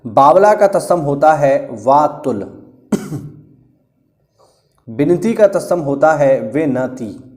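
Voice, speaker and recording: A man's voice: a little high, a little mellow. A man delivers an exam-prep lecture in a slightly raised voice. He explains patiently and says key words twice or three times so students catch them. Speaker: Hindi teacher.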